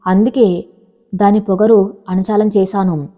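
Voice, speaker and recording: A woman's voice: mid-range voice, steady tone, measured pace, dark tone, faint music behind, lightly acted. A woman voicing a scheming, harsh older mother-in-law who scolds and defends herself, on a dull lo-fi recording. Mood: defiant.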